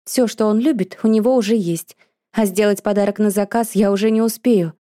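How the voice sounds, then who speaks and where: A woman voicing an impulsive, emotional young woman who speaks up loudly and complains in an audiobook. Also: medium pitch, fairly quick, no echo, studio quality, pitched above the performer's own voice, lightly acted. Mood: excitable. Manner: excitable, complaining, raised voice.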